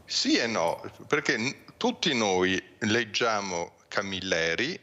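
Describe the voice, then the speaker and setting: A male linguistics professor, a guest on a morning television show, giving a measured, explanatory commentary full of reasoned asides. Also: lowish voice, big pitch swings, pushed and bright, dull audio.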